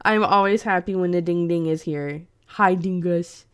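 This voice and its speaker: A young woman with a lowish, clean-toned voice hosts a casual livestream at normal speed, greeting people in her chat by name. She sounds congested and sniffly from a cold and laughs often.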